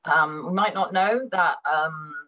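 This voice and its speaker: A middle-aged woman who grew up in Hong Kong, a business consultant, speaks thoughtfully as a guest in a conversational interview, using many fillers and repeated words. Her low-sitting voice is slow, pushed and bright, and the recording sounds lo-fi.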